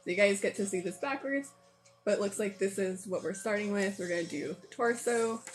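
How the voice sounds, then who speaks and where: A woman's voice: mid-range voice, brisk, poor audio. A woman with a tired voice chatting casually as she hosts a live building stream, thinking aloud and making fun of her own mistakes. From New Mexico. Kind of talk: casual chat while building. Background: loud music.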